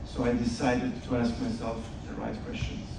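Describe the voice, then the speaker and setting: Addressing an audience in a large event hall, this man from Switzerland, an event speaker and podcast host, shares his story in an earnest motivational talk. His mid-range voice is monotone and creaky, at a moderate pace. The recording sounds distant, echoey, and noisy.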